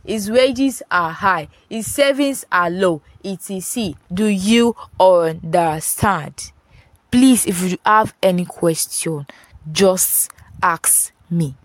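A female teacher records a grammar lesson as a phone voice note with a dry, close sound and no echo. She speaks slowly and patiently, repeating her points and checking in with "Do you understand?" Her pitch climbs whenever she highlights a contrast.

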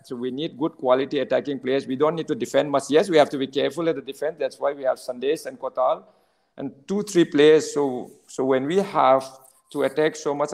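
A man's voice: medium pitch, creaky, a little mellow. A man with an Indian accent giving informal football analysis, emphatic and often repeating words and phrases. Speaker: football pundit.

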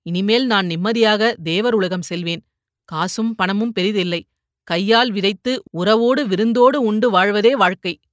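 A woman voicing a frail old uncle who is gentle and forgiving, in an audiobook reading. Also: mid-range voice, a little slow, no room sound, studio quality, lightly acted. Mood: tender. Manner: gentle, consoling.

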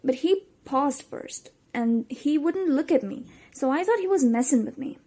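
Expressive woman narrating a storybook. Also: high-pitched, normal speed. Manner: expressive, voices the characters. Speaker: audiobook reader. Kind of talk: storybook narration in first person.

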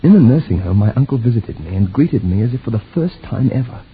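A male actor playing a troubled nephew, telling his story in deliberate, brooding first-person radio narration. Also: medium pitch, big pitch swings, husky, exaggerated voice. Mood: haunted, questioning. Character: haunted, troubled nephew recounting his strange tale. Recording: tinny, narrow-band old radio recording.

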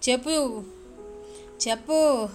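A woman's voice: high-pitched, slow, darkish tone, faint music behind. A woman voicing an older male village farmer who begs the goddess for mercy in a humble, deferential way. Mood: pleading. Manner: begging, deferential.

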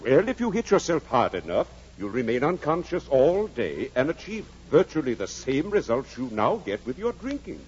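A husky, fatherly old-time country doctor. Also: medium pitch, big pitch swings, normal speed, few pauses, a little mellow. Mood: wry. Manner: dryly witty, fatherly. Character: kindly blunt middle-aged country doctor. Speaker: Doctor Kenneth. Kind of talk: 1940s radio acting. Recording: dull old radio broadcast.

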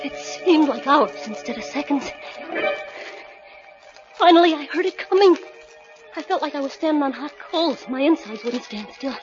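A frightened pleading informer. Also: female voice, high voice, expressive, normal speed, pauses often, music in the background. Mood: tense narration. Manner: pleading, breathless and fearful. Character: frightened young woman, a sly pleading informer. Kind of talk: 1940s radio acting. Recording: dull old radio broadcast recording.

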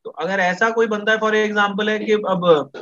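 A man's voice: sits high, steady tone, slow pace, fairly bright tone, lo-fi sound. A man talking as a podcast guest in a casual discussion, explaining at length with many fillers. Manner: explains at length, Hinglish mixing, frequent fillers.

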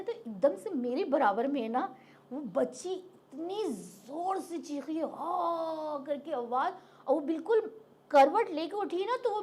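As a guest in an interview, a middle-aged woman whose voice sits high, with a somewhat dark tone, shares a personal experience. It's casual spoken storytelling, vivid and detailed, with dialogue she performs.

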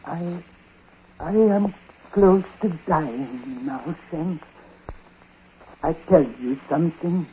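An actor playing a dying, superstitious old uncle in a 1940s radio drama, speaking haltingly in short, weighty phrases. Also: male voice, fairly high pitch. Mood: weary confession. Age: older. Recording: muffled, noisy 1940s radio recording.

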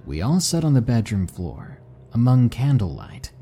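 A man narrating spooky stories in a slow, hushed, dramatic way. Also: medium pitch, sing-song, soft background music. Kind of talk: scripted story narration.

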